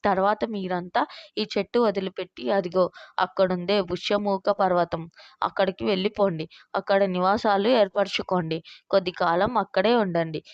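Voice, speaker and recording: A woman's voice: mid-range voice, dry recording, lightly acted. A woman voicing a cunning male crow minister in a storybook cartoon, speaking in a pleading, persuasive way. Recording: dull lo-fi dry recording.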